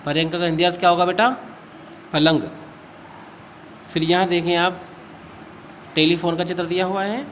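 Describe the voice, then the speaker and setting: A male school teacher leads a recorded class lesson, patiently posing questions and answering them himself while calling students beta. He speaks quickly in a high, slightly bright voice with little pitch movement, and there's slight background noise.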